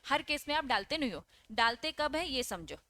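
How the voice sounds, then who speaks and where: A woman's voice: high-pitched, very animated, moderate pace, pushed and bright, no echo. A woman teaching an exam-prep lecture. She reads English lines from the text, explains them, and keeps asking her students questions and answering them herself. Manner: checks in often with "okay?". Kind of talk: online lecture.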